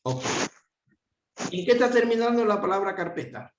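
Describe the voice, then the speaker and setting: A man's voice: high voice, very animated, normal speed, a little hiss or hum. A man teaching a classroom grammar lesson, stretching syllables and asking and answering his own questions. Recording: echoey room.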